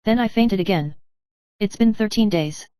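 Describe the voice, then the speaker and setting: Smooth, clear woman reading a story. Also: medium pitch, moderate pace, mellow, no echo. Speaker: narrator. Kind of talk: scripted first-person story narration.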